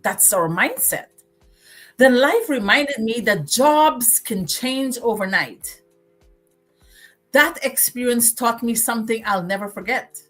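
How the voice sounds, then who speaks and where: A woman's voice: fairly high pitch, expressive, slow pace, fairly bright tone, soft background music. A woman from Guyana with a Guyanese accent, hosting a motivational livestream and preaching, repeating phrases for emphasis. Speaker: livestream host.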